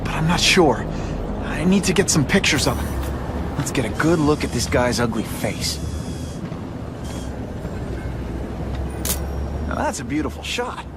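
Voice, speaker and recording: A man's voice: a little high, very animated, moderate pace, very noisy. A man playing a young American superhero in a video game, grieving, determined and wisecracking. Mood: focused. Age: young adult. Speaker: main character and narrator. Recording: loud film-style music behind the voice.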